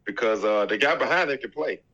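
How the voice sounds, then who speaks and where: A man with a congested voice co-hosting a casual sports debate podcast, measured and pausing to find his words. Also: medium pitch, expressive, sharp tone, highs cut off. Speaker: podcast co-host.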